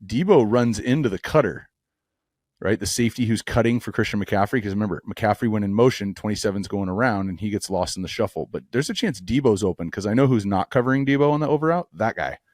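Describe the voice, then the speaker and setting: A man's voice: on the low side, fast talker, a little mellow, dry recording, clean studio sound. A man co-hosting a football podcast, talking through a play step by step like a coach. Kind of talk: film breakdown.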